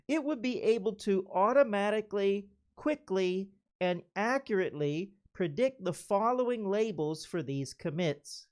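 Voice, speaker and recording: A man presenting a prepared conference lightning talk, speaking in a deliberate, carefully enunciated way. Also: sits high, darkish tone.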